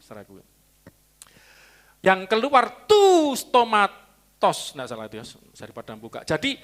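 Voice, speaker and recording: Animated, bright-voiced pastor preaching. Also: male voice, fairly high pitch. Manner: teaching, explains original-language words with asides. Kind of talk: sermon.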